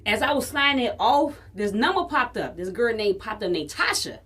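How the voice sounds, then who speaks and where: A woman from Chicago, co-hosting a podcast, telling a story in casual chat, animated and profane and acting out the dialogue. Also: on the high side, moderate pace, background noise. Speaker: podcast co-host.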